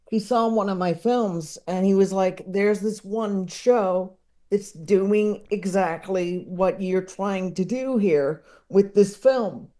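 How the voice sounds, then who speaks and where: A high-pitched man with a soft, mellow voice chats casually as a podcast guest. He takes his time and halts often, sounding enthusiastic but self-deprecating, and tends to chuckle while talking.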